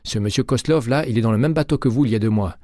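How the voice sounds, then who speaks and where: A man's voice: mid-range voice, fast talker, mellow, dry recording, studio quality, voice pushed up, natural voice. A man voicing an angry middle-aged woman doctor who scolds her patient, reading an audiobook. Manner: scolding, clipped and indignant.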